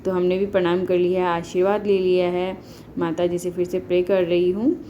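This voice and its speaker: A woman in her thirties narrating a home vlog, calmly explaining each step of a family ritual. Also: fairly low pitch, normal speed, dull audio, slight background noise. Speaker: vlogger. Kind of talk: casual voice-over narration of a family festival vlog.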